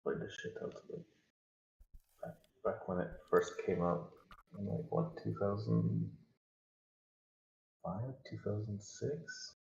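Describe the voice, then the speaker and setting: A man with a low, gravelly voice chats in an easygoing, unhurried way. His voice sounds hollow and boomy, as if he were talking from inside a well. It comes through a muffled, far-off webcam microphone on a voice call. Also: darkish tone, slight background noise. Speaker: friend on a voice call. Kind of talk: casual chat. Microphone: built-in webcam microphone. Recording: echoey distant webcam mic over a voice call.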